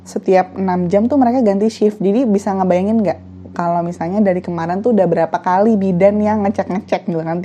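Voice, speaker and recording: A young woman recounting a personal story in a relaxed, chatty vlog. Her voice is mellow and soft-edged, and her pitch sits in an ordinary middle range. She talks with frequent fillers and little asides. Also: slight background noise. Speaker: vlogger. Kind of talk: casual storytelling.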